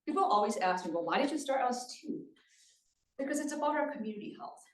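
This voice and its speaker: A woman's voice: fairly high pitch, lively intonation, quick pace. Lady giving a talk at a meeting, keeps checking in with the crowd, sounds far off in a big echoey room. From Thailand. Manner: engaging, often checks in with the audience. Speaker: presenter at a community meeting. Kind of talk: conversational presentation. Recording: roomy sound from a distant mic.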